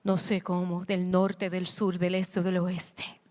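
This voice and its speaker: A woman pastor preaching a sermon with passion, moving between hushed and loud passages, moved by her own words and calling the congregation to repeat after her. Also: on the low side, completely flat delivery, takes it slowly, big-room sound.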